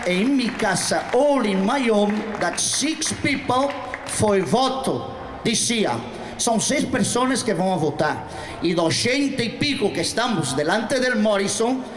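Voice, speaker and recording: Impassioned older Portuguese-born man shouting at a rally. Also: sits high. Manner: impassioned, rising to shouts, broken English mixed with Spanish. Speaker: shop steward speaking at a rally. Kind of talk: rally speech. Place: outdoor rally with a crowd. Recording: echoey outdoor PA with crowd noise.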